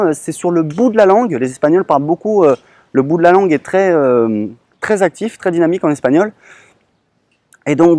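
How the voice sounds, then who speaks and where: A man's voice: on the high side, darkish tone, no echo. A man giving a casual lesson outdoors on a beach, speaking informally with many hesitations and restarts. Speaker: online English teacher.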